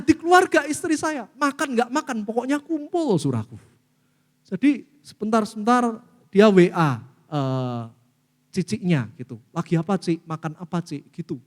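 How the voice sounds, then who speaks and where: A middle-aged pastor preaching a sermon with an Indonesian accent, calling out to the congregation as he teaches. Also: extremely high pitch. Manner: lively preaching, often addresses listeners as saudaraku. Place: church hall. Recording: long reverb of a church hall.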